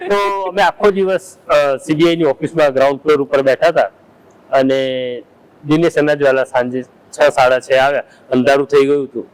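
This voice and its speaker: A male journalist telling humorous anecdotes on a panel, mimicking the shouts of the people in them. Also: mid-range voice, steady tone, moderate pace, poor audio. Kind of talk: casual panel storytelling.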